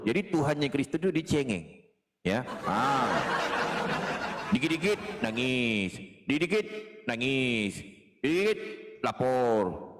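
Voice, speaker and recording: A man's voice: mid-range voice, a little hiss or hum. A man giving mocking, mock-preachy debate talk, taunting and laughing as he goes. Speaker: self-styled pastor in an online debate. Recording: reverberant, hall-like echo.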